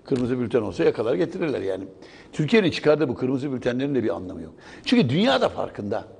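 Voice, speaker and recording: A man's voice: medium pitch, very animated, fast, creaky, darkish tone, husky. A man giving sarcastic morning news commentary in a TV studio. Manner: sarcastic, mocking.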